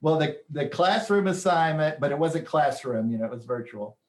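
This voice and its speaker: A man hosting a casual chat, telling news stories in a relaxed, chatty way with plenty of fillers. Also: on the high side, moderate pace, reverberant. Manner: chatty storyteller with frequent fillers. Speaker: host.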